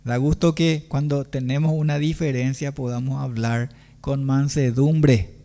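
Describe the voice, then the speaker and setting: Slow, mellow-voiced Paraguayan pastor. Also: male voice, mid-range voice, fairly even intonation. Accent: Paraguayan Spanish. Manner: slow, pausing preaching with rhetorical questions. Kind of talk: sermon.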